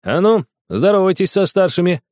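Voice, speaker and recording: A man's voice: high voice, big pitch swings, normal speed, no room sound, studio quality, pitched above the performer's own voice. Man doing a brash bullying schoolboy. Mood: teasing. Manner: loud mocking show-off. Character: brash cocky schoolboy, loud teasing bully.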